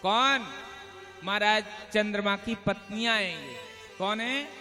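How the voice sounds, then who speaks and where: Male preacher, folksy storyteller, very high voice, live music under a reverberant hall sound. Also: takes it slowly, sharp tone. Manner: call-and-response, rhetorical questions, folksy storytelling. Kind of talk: devotional storytelling discourse.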